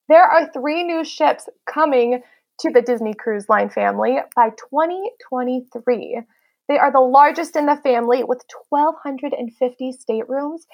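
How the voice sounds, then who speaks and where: Upbeat high-voiced woman podcast host. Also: vocal fry. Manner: upbeat, conversational. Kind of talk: casual podcast chat.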